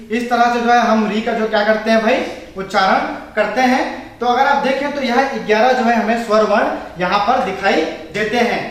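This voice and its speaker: Man, coaching teacher, very high voice, asks and answers his own questions, recorded from afar in a very echoey room. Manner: calls students "bhai". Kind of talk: classroom grammar lecture. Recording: very echoey room, voice far from mic.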